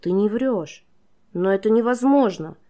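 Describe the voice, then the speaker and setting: A woman voicing a fierce fifteen-year-old captive girl who shouts in rage, in an audiobook. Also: mid-range voice, expressive, measured pace, pitched above the performer's own voice, close to an everyday voice. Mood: stunned.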